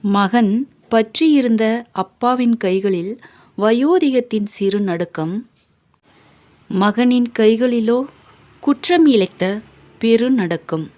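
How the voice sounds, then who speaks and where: Female storyteller, calm and measured, slow scripted narration. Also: fairly high pitch.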